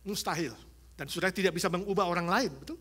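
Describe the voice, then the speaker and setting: A man, a pastor, preaching a sermon with dramatic swings from loud cries to hushed whispers. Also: sits high, quick pace, husky. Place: church in Los Angeles.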